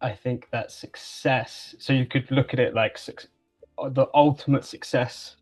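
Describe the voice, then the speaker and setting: A man's voice: mid-range voice, steady tone, unhurried, darkish tone, faint music behind. Hesitant young man on a video call. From England. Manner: hesitant, many fillers and restarts. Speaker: guest. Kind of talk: casual interview conversation.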